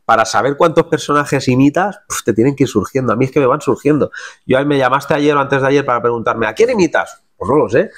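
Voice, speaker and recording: A man, a voice impressionist, chatting relaxed and colloquially as an interview guest, now and then slipping into imitations. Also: mid-range voice, fast. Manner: relaxed, colloquial, drops into impressions mid-sentence. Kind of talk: casual interview chat.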